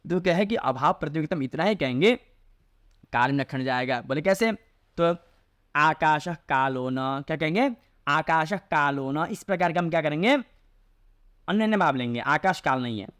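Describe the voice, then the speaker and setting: A man teaching a lecture, asking rhetorical questions and answering them himself, and reciting classical phrases slowly. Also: on the high side, expressive, no room sound, clean studio sound. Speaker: Sanskrit teacher. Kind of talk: explanatory Hindi lecture on a Sanskrit logic text.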